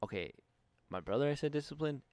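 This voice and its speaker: A man's voice: on the high side, expressive, quick pace, darkish tone, no echo. A young man co-hosting a casual podcast chat, loose and profane with lots of slang. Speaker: podcast co-host.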